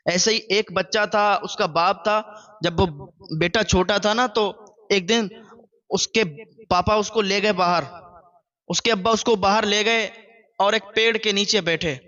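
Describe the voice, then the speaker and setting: A man tells a moral story in sermon form, earnest and exhorting. His high voice rings bright and forceful. The recording is dull and lo-fi. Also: steady tone. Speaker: preacher and storyteller.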